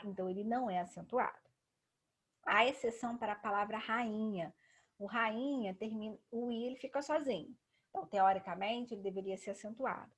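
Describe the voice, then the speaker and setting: A woman's voice: medium pitch, husky. A woman with a Brazilian Portuguese accent giving a patient classroom grammar lesson, often checking in with tag questions. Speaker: teacher.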